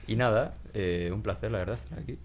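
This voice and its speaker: A man's voice: on the low side, quick pace, noisy background. A man in his twenties from the Basque Country, a guest in a casual chat, easygoing and self-deprecating. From Basque Country, Spain. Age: 20s.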